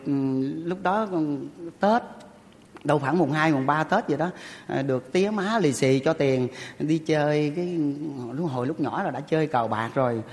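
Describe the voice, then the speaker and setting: A man's voice: a little high, in a large hall. A middle-aged man with a Southern Vietnamese accent, politely and animatedly telling stories about his childhood. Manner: polite, answers with "dạ". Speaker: guest telling life stories. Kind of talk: casual spoken storytelling.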